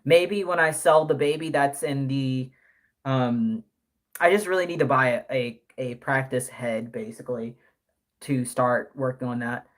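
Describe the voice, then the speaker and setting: A man's voice: medium pitch, fairly even intonation, measured pace. A man in his early twenties chatting casually on a live stream, rambling with many fillers and self-corrections. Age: early 20s. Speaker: live streamer and doll artist.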